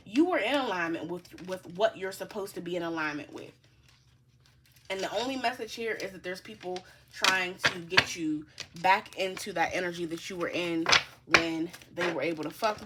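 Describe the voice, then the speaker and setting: A woman's voice: medium pitch, fairly bright tone, a little hiss or hum. A woman giving a casual spiritual card reading, talking straight to the listener, emphatic and swearing freely. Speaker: spiritual tarot reader.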